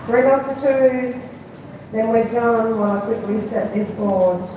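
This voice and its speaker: A woman's voice: fairly high pitch, unhurried, dull audio. Echoey woman bingo caller. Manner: formulaic chant, digit by digit then number. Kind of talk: bingo calling, announcing numbers. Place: large echoey bingo venue. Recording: echoey hall, distant mic, faint noise.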